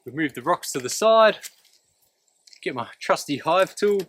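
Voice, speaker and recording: A man's voice: fairly high pitch, animated, a little slow, fairly bright tone, husky. A man instructing in a practical, plain-spoken way, explaining a hands-on demonstration step by step while outdoors. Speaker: beekeeping instructor. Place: outdoors beside beehives.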